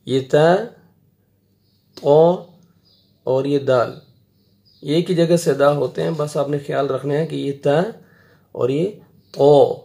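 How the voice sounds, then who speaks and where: A middle-aged man teaching Quranic letters, patiently drilling each sound and repeating it slowly and loudly. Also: on the high side, fairly even intonation, vocal fry. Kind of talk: Quran recitation lesson.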